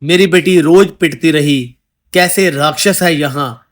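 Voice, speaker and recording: A man's voice: fairly high pitch, unhurried, close to an everyday voice. A man voicing a grieving mother who laments her murdered daughter and accuses the neighbours. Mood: lamenting.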